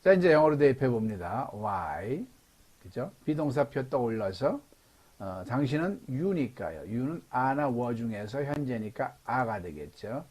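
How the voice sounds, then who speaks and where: A middle-aged man teaching English in an online lecture, explaining grammar step by step. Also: takes it slowly. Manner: explains step by step, lively pitch. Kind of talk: Zoom lecture. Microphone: video call.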